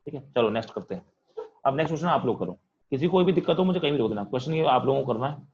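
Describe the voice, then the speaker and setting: A physics teacher speaking, leading an online class in a loud voice that he says is straining from all the shouting. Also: medium pitch, expressive, racing, muffled recording. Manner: talks loudly to students, says he is shouting. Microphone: computer mic on video call.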